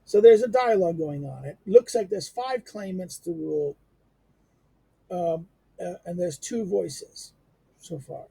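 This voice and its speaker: Halting lecturer, dark husky voice. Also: male voice, high voice, dry recording. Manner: halting, many fillers and restarts, rhetorical questions. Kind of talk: unscripted lecture reading a text aloud.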